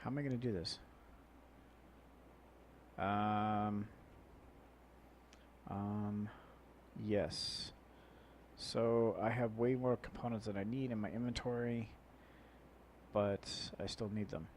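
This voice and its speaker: Male let's play host, lowish nasal voice, rambling and muttering casually, cheap mic with faint chopper-like noise. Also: steady tone, slow, long pauses, a little mellow. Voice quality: nasal, congested-sounding. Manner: rambling, muttering to himself while playing. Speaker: gaming video host. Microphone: low-quality microphone. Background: helicopter-like equipment noise.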